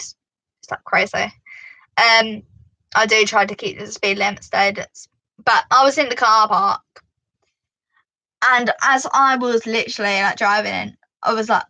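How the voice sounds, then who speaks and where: A woman with a British accent telling a driving story to camera in a casual, animated way, full of "like" and "you know.". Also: fairly high pitch, dry recording, rough recording. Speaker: vlogger giving driving advice.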